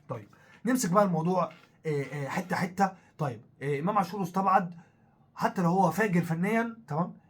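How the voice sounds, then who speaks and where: A man with an Egyptian Arabic accent, co-hosting a casual football talk show, animated and full of fillers as he goes over the story. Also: fairly high pitch, husky. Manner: animated, repetitive, thinks aloud with many fillers. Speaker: co-host of a football talk channel.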